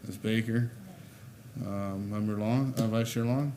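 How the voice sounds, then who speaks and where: A man with a lowish voice chairs a city board meeting in a council chamber. He moves through the formal steps in a relaxed way and makes light jokes between them. The recording is noisy and carries the room around him. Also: a little slow.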